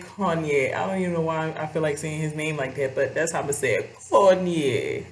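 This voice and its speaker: A young woman giving casual commentary to her viewers, rambling and swearing freely as she talks straight to them. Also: low voice. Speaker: vlogger. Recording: roomy echo.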